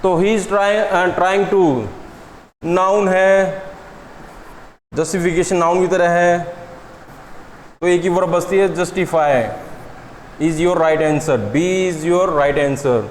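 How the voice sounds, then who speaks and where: High-voiced teacher in an echoey classroom. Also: male voice, level tone. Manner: asks students questions and answers them himself; stresses English words slowly and deliberately. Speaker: English teacher. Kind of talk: classroom exam-prep lecture. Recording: echoey room with long reverb and faint noise.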